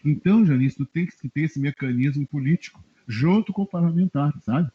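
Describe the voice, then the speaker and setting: A middle-aged man from southern Brazil, a journalist guest telling animated anecdotes in a casual interview and chuckling often. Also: on the high side, fairly quick, slightly rough. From Rio Grande do Sul, Brazil. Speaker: journalist guest, press adviser. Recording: dull lo-fi web radio audio.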